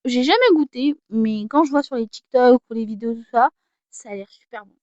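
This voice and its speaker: A woman's voice: a little high, fairly quick, a little mellow, dry recording, muffled recording. A teenage girl chatting casually as she shows off her gifts, self-mocking and easily distracted. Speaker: vlogger. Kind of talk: casual haul vlog.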